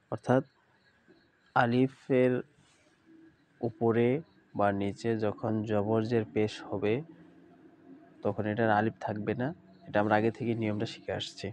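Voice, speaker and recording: A man's voice: fairly low pitch, a little mellow, a little hiss or hum. A man teaching an online Quran reading lesson, patiently sounding out syllables one by one and speaking to his students as a group. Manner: uses pious phrases, addresses students as a group.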